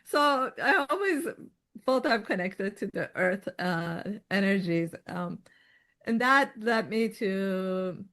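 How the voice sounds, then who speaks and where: Middle-aged woman from iran, guest on a chat show, lively, laughs a lot mid-sentence. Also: lowish voice. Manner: animated, laughs often while talking. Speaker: podcast guest. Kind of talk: conversational interview.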